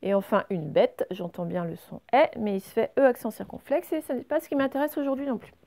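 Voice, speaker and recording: A woman teacher going carefully through reading exercises for young pupils, saying each word clearly before explaining it. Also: fairly high pitch, a little fast, mellow. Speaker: primary school teacher.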